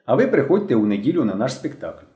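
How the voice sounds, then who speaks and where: Man playing an earnest boy club leader, wary, mellow, roomy. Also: mid-range voice, sing-song, quick pace, close to an everyday voice.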